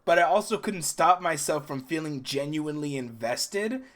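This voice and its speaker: Young guy, kinda higher voice, casual storytime for a video, animated n acts out the dialogue. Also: normal speed. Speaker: video creator recounting dreams. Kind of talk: casual first-person storytelling.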